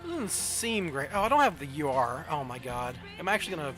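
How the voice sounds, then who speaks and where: Over music, a game streamer from the southern United States chats casually in a Southern accent, thinking aloud and second-guessing himself during a card game livestream. His voice is a little high, very animated and brisk.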